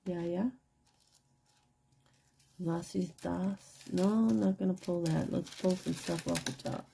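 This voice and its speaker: Holding her voice down so others can sleep, a tired middle-aged woman murmurs through a casual, unscripted show-and-tell at a wooden table at home, repeating herself. Her lowish voice is croaky and husky with vocal fry, level in tone and slow; there is slight background noise.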